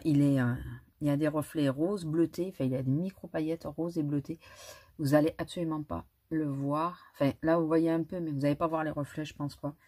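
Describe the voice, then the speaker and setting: A woman's voice: sits low, darkish tone, breathy edge. A middle-aged woman reviewing a makeup palette in a casual vlog, chatty and hesitant, with frequent restarts and small laughs. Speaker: beauty vlogger.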